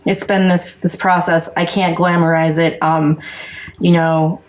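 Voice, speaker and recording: A woman's voice: on the low side, little pitch movement, a little slow. A woman with a North Dakota accent talking frankly and earnestly in a casual chat, sharing personal testimony as a guest, with some salty language. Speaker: podcast guest sharing recovery story.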